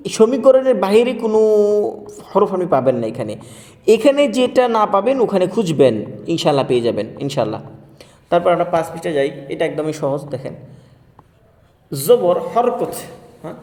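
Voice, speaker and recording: A man teaches letter sounds in a slow, patient lesson, saying each one aloud and asking listeners to answer back. His voice sits fairly high with a mellow, soft tone. The room is large and echoey, with a long reverb trailing each word. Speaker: Quran reading teacher. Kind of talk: spoken lesson, drilling letters. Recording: roomy hall with long echo.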